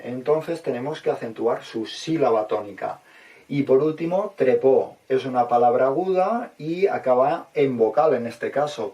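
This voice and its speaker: A man teaching a spelling lesson. He reads a short story aloud and then explains it slowly and methodically, one word at a time. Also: medium pitch, darkish tone. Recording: voice a bit far from the mic.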